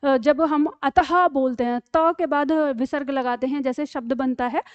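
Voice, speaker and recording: High-voiced woman teaching grammar. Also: unhurried, dry recording, dull audio. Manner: explanatory, checks in with repeated "ठीक है". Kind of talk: online grammar lesson.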